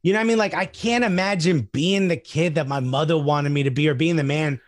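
Male comedian guest with a slightly high voice, animated and profane, recorded dry and close. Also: brisk, no room sound. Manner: animated storyteller, swears freely, acts out quotes. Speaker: podcast guest. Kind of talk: casual chat.

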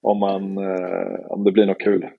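Low husky laid-back man. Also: completely flat delivery, phone-quality sound. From northern Sweden. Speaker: podcast guest, former footballer. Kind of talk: casual chat.

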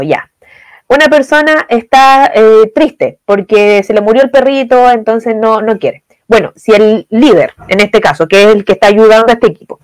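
A young adult woman with a Chilean accent, answering interview questions with lively, acted-out examples. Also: high voice, no echo. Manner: lively, uses voiced quotes and examples. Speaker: guest expert on positive communication.

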